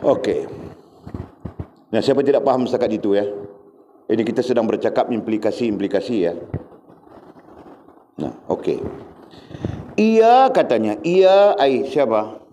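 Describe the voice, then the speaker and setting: A man's voice: on the low side, normal speed, pauses often. A middle-aged man gives a religious lesson, teasing his listeners and asking them again and again whether they understand. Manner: lively, teasing, keeps quizzing listeners. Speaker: religious teacher. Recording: dull lo-fi room recording with faint background hiss.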